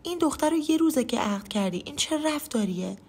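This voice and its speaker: A woman's voice: high-pitched, lively intonation, a little mellow, husky, voice pushed up, exaggerated voice. A woman voicing a worried older mother-in-law in a spoken story, fretful and pleading. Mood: anxious. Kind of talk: audio story narration.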